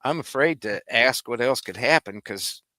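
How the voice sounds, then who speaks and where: A man's voice: medium pitch, lively intonation, moderate pace, bright, forceful tone, no room sound. A man co-hosting a live-stream chat, talking in a folksy, rambling, self-deprecating way. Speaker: co-host.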